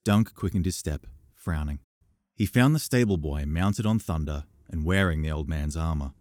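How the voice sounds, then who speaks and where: A man's voice: normal speed, no echo, clean studio sound. A man reading an audiobook demo reel, voicing each character. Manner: expressive, voices characters with raised pitch. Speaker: audiobook narrator.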